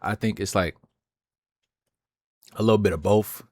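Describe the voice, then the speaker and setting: Young male streamer, slangy, talks back at the clip, lowish voice. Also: a little slow, a crowd in the background. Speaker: streamer reacting to clips. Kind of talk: casual reaction commentary.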